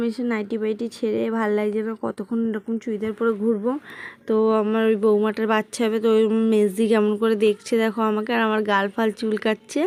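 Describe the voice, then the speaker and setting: A middle-aged woman chatting casually to viewers as she narrates a family home vlog, rambling and addressing them directly. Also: a little high. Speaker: vlogger.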